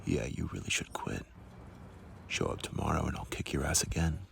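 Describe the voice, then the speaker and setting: A man playing a stern, cold young male supervisor of devil hunters in an anime fan dub, speaking in a hushed, clipped, menacing way. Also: a bass voice, normal speed, vocal fry, a little hiss or hum, full character voice. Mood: cold, scolding.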